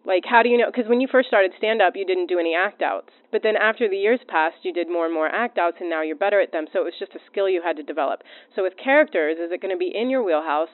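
A woman's voice: lowish voice, fast talker, few pauses, no room sound. A woman asking long, blunt, teasing questions. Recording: tinny phone-like recording.

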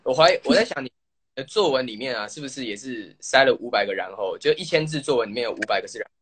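A host on a casual live stream with a slightly husky, breathy voice. The pitch jumps around a lot, and the talk is playful and teasing, with plenty of laughter. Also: animated, quick pace.

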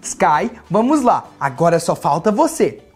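Pitched fairly high with big swings in pitch, a young adult man speaks unhurriedly in a Brazilian accent, playing a toy doctor as host of a children's video. He tells a playful story in simple, child-directed phrases, indoors in a small furnished playroom studio, with music in the background.

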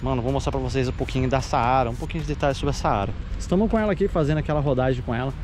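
A man's voice: medium pitch, very fast, noisy background. A man hosting a motorcycle channel, giving enthusiastic casual test-ride commentary straight to his viewers, repeating himself as he goes.

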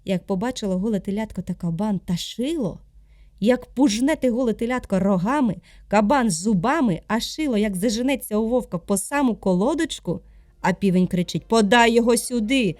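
A woman actress narrating a folk tale in an expressive storybook style. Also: mid-range voice, moderate pace, dry recording, studio quality. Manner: sing-song, expressive.

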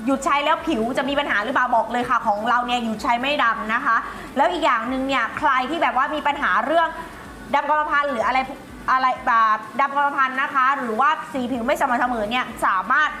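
A woman giving a chatty live sales pitch, speaking politely and persuasively straight to viewers. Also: fast, sharp tone. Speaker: live-stream seller, brand owner. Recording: echoey room with faint background noise.

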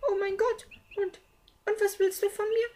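Woman voicing a young girl, puppet play, earnest, pleading, very high voice. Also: little pitch movement, normal speed, dark tone, slight background noise. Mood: puzzled.

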